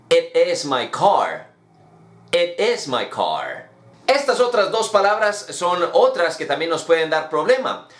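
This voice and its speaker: A man teaching English words, his voice set a little high and moving lively up and down as he explains. He slows right down to spell out each example phrase. The room around him gives a clear echo. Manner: slow, carefully enunciated English examples.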